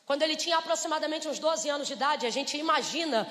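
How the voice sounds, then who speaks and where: A Brazilian woman preaching a lively church sermon, asking the congregation rhetorical questions and acting out little scenes. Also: sits high, fast talker. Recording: reverberant church hall.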